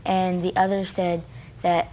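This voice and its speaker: A young American woman with a flat, fairly low voice tells her account hesitantly as a court witness. There is faint noise in the room. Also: unhurried. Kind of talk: hesitant recounting of events.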